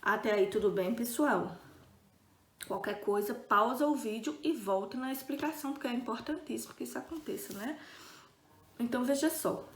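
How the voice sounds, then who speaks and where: High-voiced teacher in a roomy space. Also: female voice. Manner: patient, checks in often with students. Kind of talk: recorded video lesson.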